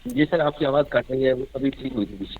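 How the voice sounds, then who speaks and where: A male student speaking politely and briefly to his teacher over a choppy online class connection. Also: medium pitch. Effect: choppy, muffled online call connection. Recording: distant, dull, lo-fi call audio.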